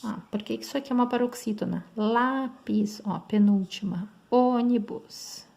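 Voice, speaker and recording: A woman's voice: mid-range voice, fast talker, creaky, mellow. A woman with a Brazilian Portuguese accent teaching grammar in an online lesson, explaining step by step and checking in often with her students.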